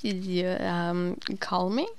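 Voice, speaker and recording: A young woman leaving a rambling late-night voicemail, often whispering softly and filling pauses with ums. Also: on the low side, steady tone, clear, resonant tone, dry recording. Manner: soft whispering, rambling with many fillers. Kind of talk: casual, intimate phone message.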